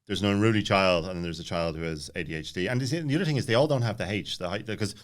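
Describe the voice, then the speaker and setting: Telling his own story on a podcast, a man in his late thirties talks fast and informally in a lowish voice. His sentences often loop back and start over.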